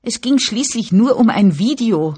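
Whining girl of eighteen, crying, rushed and high-pitched, breathy, woman reader doing the voice, audiobook. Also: expressive, warm tone. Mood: whiny. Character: whiny, weepy young woman of eighteen. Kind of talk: audiobook character voice.

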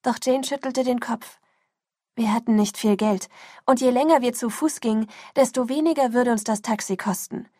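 A woman with a fairly high, breathy voice reads a first-person story aloud as audiobook narration. She sinks into a hushed whisper whenever the tension builds. The recording is close and dry, the sound of a studio booth. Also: normal speed, dry recording. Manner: drops to a hushed whisper at tense moments.

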